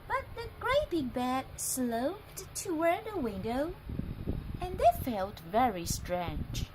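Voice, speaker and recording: A woman from Taiwan, an English teacher, reading a picture book aloud in an expressive storytelling way. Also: high-pitched, slow pace, noisy background.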